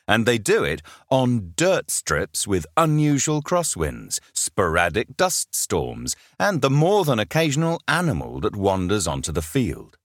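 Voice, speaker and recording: A man's voice: low-pitched, no room sound. A man who once worked as a safari guide, telling a story with wry, dry humour. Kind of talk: storytelling narration.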